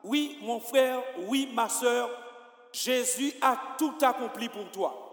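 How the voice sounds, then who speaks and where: High-voiced Martinican preacher in an echoey hall. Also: male voice, slow. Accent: Martinican French. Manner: impassioned, swinging from soft to shouting. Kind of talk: sermon. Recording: echoey hall with long reverb.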